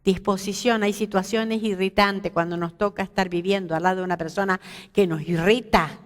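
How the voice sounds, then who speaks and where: Speaking at a moderate pace in a medium-pitched voice, a woman teaches the Bible to a women's seminar in a large church hall. Her manner is lively, with questions for her listeners and self-deprecating jokes mixed in.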